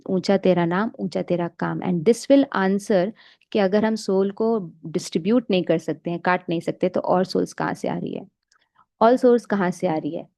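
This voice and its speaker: A woman giving a calm, explanatory spiritual meditation lesson, asking rhetorical questions as she teaches. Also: fairly low pitch, no echo. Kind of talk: spiritual lecture mixing Hindi and English.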